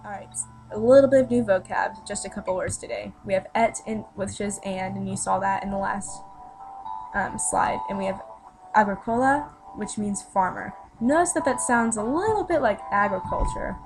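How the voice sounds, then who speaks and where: A woman's voice: mid-range voice, normal speed, creaky, low-quality recording. A teenage girl gives a chatty, step-by-step student lesson. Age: teens. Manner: chatty, explains step by step with fillers. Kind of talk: casual voice-over lesson. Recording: voice-over with music behind.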